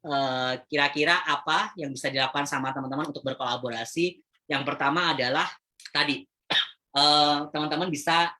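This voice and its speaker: A man presenting a webinar in a casual, chatty way, often pausing with hesitant fillers as he addresses the viewers. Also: on the high side, fairly even intonation, pushed and bright. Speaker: webinar speaker.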